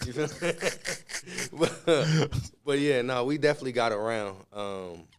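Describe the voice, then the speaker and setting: A musician and entrepreneur from Southern California gives casual interview answers, laid-back and slangy, often saying "you feel me." His mid-range voice is animated and a little slow. Crowd noise can be heard.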